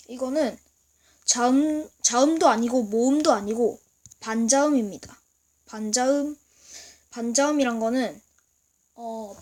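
A woman giving a casual video lesson, explaining slowly and haltingly and often clearing her throat. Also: on the high side, a little mellow. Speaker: language teacher. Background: noise from outside.

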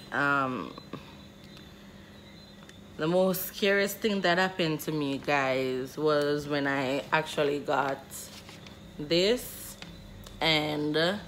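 Low-voiced twenty-something woman chatting to her phone in her bedroom, slow and rambly, faint hiss behind. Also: fairly bright tone. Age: 20s. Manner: chatty, addresses viewers as guys, rambling restarts. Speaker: vlogger. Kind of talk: casual vlog talking to camera. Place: small bedroom indoors. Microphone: phone camera close up.

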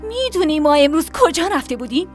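Accusing young daughter, piercing high voice, music behind. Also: female voice, very animated. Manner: angry, accusing. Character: angry young adult daughter confronting her father. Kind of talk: Persian dub of a TV drama.

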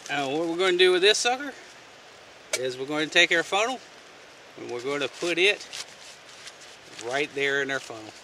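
A man casually showing a homemade camp stove outdoors, talking in a relaxed, folksy way with many fillers. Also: a little high, normal speed, long pauses, distant mic, slight background noise. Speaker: outdoor gear vlogger. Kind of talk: casual how-to demonstration. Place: outdoors on the ground, off camera.

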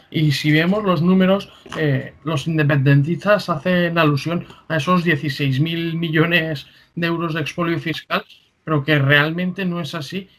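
A man in his thirties hosts an interview over a video call. His voice sits a little high for a man, and he frames his questions in a brisk, leading way. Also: fairly bright tone. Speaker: host.

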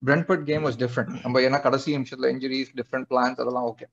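A man's voice: mid-range voice, steady tone, rapid-fire, creaky. A man with a Tamil accent making blunt, short points in a casual football fan debate, switching between two languages. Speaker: panelist on a football fan show. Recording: dull muffled video-call audio.

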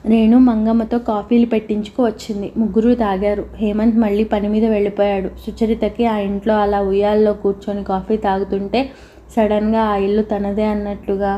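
A woman reading a novel aloud as an audiobook narrator, in a steady, even storytelling voice. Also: mid-range voice, dull audio, slight background noise.

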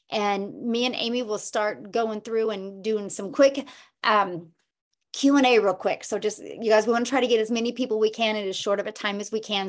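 A woman hosting a live online session who speaks in an upbeat, encouraging way and talks quickly. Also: on the high side. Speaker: host.

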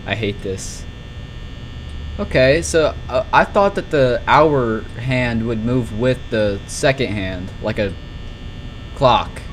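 A young gaming streamer with a medium-pitched voice and lively intonation talks slowly, heard through a low-quality recording with slight background noise. He offers casual, rambling live commentary on a horror game, nervous, exclamatory, and sometimes swearing.

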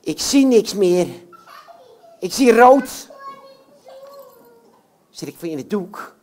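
A woman plays a cheeky male puppet hero who boasts and chats with the crowd in a live puppet show. His pitch swoops up and down with a lively bounce, and he never stops talking to the audience. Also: slow, a little hiss or hum. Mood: chatty. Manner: chatty, talks straight to the audience, boastful.

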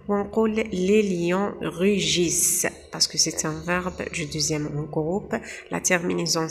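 A woman teacher with an Algerian accent, dictating French exam answers slowly and explaining them quickly in Algerian Arabic. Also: lowish voice, vocal fry, big-room sound, a little hiss or hum. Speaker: primary school teacher. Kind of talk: exam-prep lesson.

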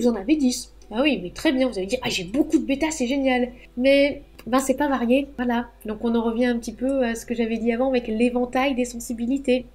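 A woman's voice: a little high, mellow. A woman giving writing advice straight to camera, chatty and emphatic, with frank asides. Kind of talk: casual advice monologue to camera.

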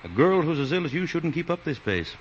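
An actor playing a concerned middle-aged doctor, gently admonishing, in 1940s radio acting. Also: male voice, fairly high pitch, very animated, fast talker. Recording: dull 1940s radio broadcast with faint noise.

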